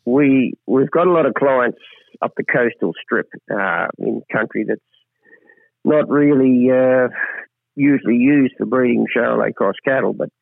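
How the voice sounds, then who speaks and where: A rural Australian man with a heavily creaky, gravelly voice and a laconic outback drawl. He gives casual, understated interview answers over a dull, lo-fi phone line. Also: medium pitch, unhurried, dry recording. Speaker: cattle stud principal, phone-in interview guest.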